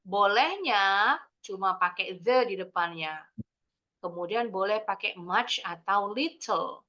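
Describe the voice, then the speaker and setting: A young Indonesian woman teaching English to children in a video call, explaining with lively, sing-song questions. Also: medium pitch, takes it slowly. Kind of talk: online kids' English lesson. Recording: dull lo-fi video call audio.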